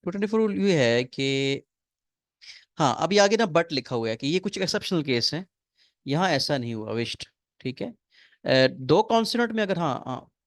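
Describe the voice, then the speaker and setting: A male English teacher, lecturing to a class on spelling rules, reading rules slowly and explaining them in quick asides. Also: on the high side, no echo. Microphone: recorded lecture mic.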